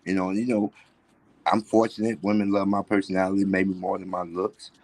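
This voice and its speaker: A middle-aged man with a low voice and the soft slur of missing front teeth. He chats candidly, telling personal stories in a casual, conversational way. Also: level tone, brisk, no echo. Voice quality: toothless, slightly slurred speech from missing front teeth. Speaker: call-in guest on a livestream.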